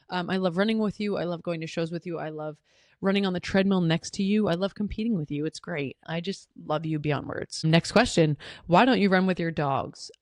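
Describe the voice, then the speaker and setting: A woman's voice: on the low side, darkish tone, no room sound. Chatty woman hosting a solo podcast. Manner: chatty, rambling, many fillers and restarts. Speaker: podcast host. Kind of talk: solo podcast Q&A, casual chat.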